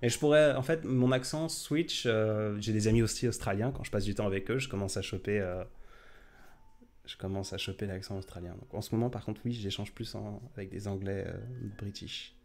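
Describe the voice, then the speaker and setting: A man's voice: lowish voice, brisk, darkish tone. A man hosting a casual late-night live stream, chatting in a rambling way with many fillers and restarts.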